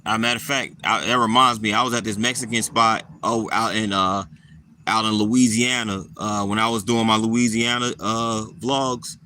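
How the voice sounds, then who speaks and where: Chill guy chatting with his stream, bright voice, bit of car noise behind. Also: lowish voice, fairly even intonation, normal speed. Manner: laid-back, repeats himself, answers viewers by name. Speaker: vlogger answering live chat. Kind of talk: casual live chat.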